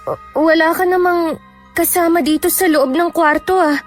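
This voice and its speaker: A woman's voice: extremely high pitch, fairly even intonation, normal speed, soft background music, voice pushed up. A woman voicing a frightened teenage younger sister who pleads and worries over her older sister. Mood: worried.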